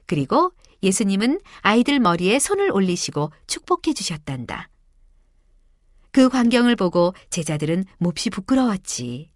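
A woman narrating a Bible story for children, talking to them directly with warmth. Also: mid-range voice, no echo, studio quality. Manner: warm, expressive, addressing children.

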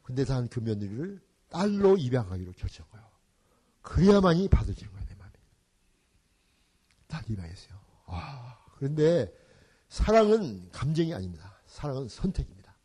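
An older man, a church elder, giving a parenting seminar and telling family stories with animated, acted-out scenes and English phrases mixed in. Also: medium pitch, normal speed, breathy edge. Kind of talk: seminar talk with storytelling.

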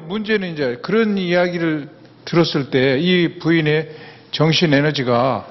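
A man giving a plain-spoken, folksy public lecture on mental health, often dropping affirming fillers, recorded in a lecture hall. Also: fairly high pitch. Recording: dull lo-fi sound with long hall reverb.

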